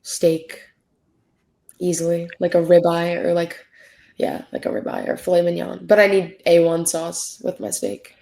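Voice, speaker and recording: Laid-back young woman, low flat voice. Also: unhurried, vocal fry. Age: 20s. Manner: laid-back, filler-heavy, upbeat. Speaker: professional soccer player, guest. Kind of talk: casual interview chat.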